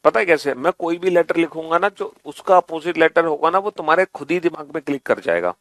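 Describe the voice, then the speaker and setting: A man's voice: fairly high pitch, lively intonation, fast talker, a bit bright, dry recording. A man teaching an online reasoning class, coaxing students with repeated instructions and calling them beta.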